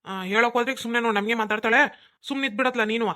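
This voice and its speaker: A woman's voice: fairly high pitch, steady tone, very fast, bright, forceful tone. A woman voicing an exasperated village husband caught between his wife and mother in a cartoon comedy, in a North Karnataka Kannada accent. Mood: placating. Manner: exasperated pleading.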